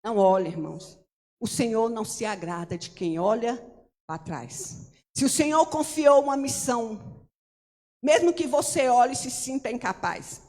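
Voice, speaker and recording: Middle-aged woman, missionary preacher, high-pitched, fervent emphatic sermon, long church-hall reverb. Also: measured pace, a little mellow. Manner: fervent, emphatic preaching, often calling out to the congregation.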